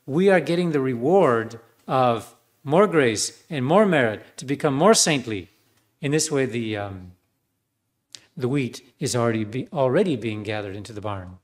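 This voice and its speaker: Male priest, sermon, earnest, mid-pitched voice, a few ums and restarts.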